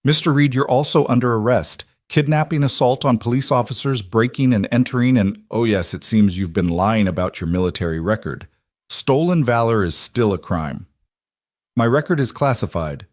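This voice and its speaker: A man's voice: medium pitch, animated, moderate pace, darkish tone, no echo, studio quality, natural voice. A man reading the lines of a stern female federal agent in a clipped, curt way, with a slightly raised voice.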